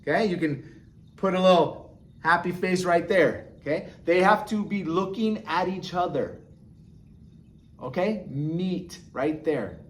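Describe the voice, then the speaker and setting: Teaching sign language to beginners, a man speaks a little slowly in a high voice with lively intonation. His casual explanation is encouraging and chatty, peppered with "okay?" and "right?" as he checks in with the viewer.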